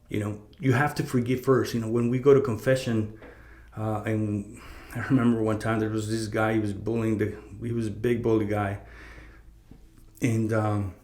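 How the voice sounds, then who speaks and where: A man's voice: fairly low pitch, darkish tone. A middle-aged man telling a personal story in a casual, rambling way, with frequent swearing, fillers and restarts. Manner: conversational, profane, many fillers and restarts. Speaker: podcast host. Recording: roomy echo.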